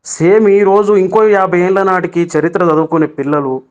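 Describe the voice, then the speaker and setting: Man, Telangana Telugu accent, fairly high voice, urgent preachy voice message, lo-fi phone note. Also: steady tone, normal speed, a little mellow. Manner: urgent and preachy, with frequent restarts. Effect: recorded voice message sent to a chat group. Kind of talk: persuasive political voice message.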